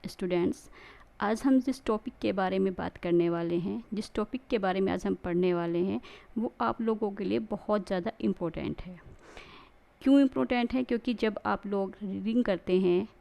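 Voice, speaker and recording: Teacher, woman, mellow gravelly voice, patient explainer who repeats points for students. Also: mid-range voice, normal speed. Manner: repetitive, explanatory, addresses students directly. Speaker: English teacher. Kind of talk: classroom-style video lesson.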